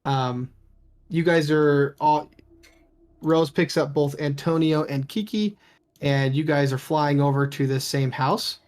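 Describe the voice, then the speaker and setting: A man's voice: a little high, slow, a little mellow. A man narrating as game master of a tabletop game, in a casual, rambling way. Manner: casual, rambling, with many fillers.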